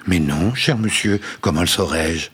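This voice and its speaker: A man reading a story aloud, voicing a sweet-talking landlady who gushes and flatters in a raised voice. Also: sits low, measured pace, breathy edge, exaggerated voice. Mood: sugary. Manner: gushing, honeyed, flattering. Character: sweet-talking older landlady, fussy and cloying.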